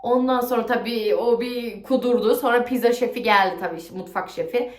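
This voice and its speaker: A young woman with a fairly high voice tells a workplace story in a chatty, indignant vlog. She talks with lots of fillers and rising heat. The room around her sounds echoey. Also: brisk. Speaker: vlogger.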